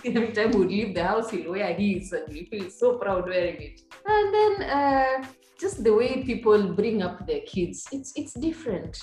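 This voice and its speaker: Woman, Kenyan accent, casual interview guest, mid-pitched voice, echoey room, faint music behind. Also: lively intonation, normal speed, darkish tone.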